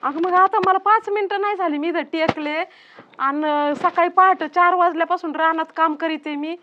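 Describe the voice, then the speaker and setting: An actress playing a tired, meek village mother-in-law who pleads softly after a long day of farm work. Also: very high-pitched, steady tone, moderate pace, lo-fi sound, a little hiss or hum. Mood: pleading. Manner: pleading, tired, soft-spoken. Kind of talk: village family drama acting.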